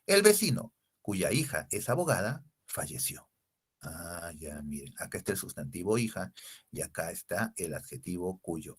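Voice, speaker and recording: A man's voice: low voice, breathy edge. A man with a Peruvian Spanish accent teaching an exam-prep grammar lesson, emphatic and asking rhetorical checks as he lists examples. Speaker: language teacher.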